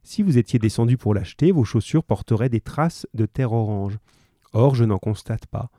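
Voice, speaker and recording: A man reading aloud the lines of a shrewd, kindly male detective who calmly explains his deductions. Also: mid-range voice, moderate pace, dry recording, studio quality, lightly acted. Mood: calm explanation. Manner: calm, reassuring, lightly amused.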